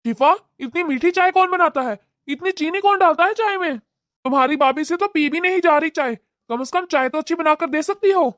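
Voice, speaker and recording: A woman voicing a sharp-tempered young married son in a cartoon, talking in a scolding, irritable way. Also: extremely high pitch, normal speed, dry recording, studio quality.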